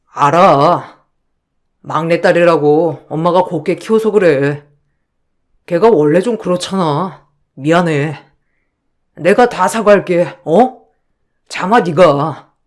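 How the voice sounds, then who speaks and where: A meek young husband, played by a man, pleads in a high, slow voice to smooth things over. His tone stays placating throughout this radio drama. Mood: pleading.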